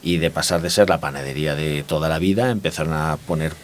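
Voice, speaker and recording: With a rumbling low voice and a fast pace, a man from Barcelona explains his thinking as an interview guest and consumer market expert. His Spanish accent is from Spain, and his explanatory, reflective talk often checks for agreement.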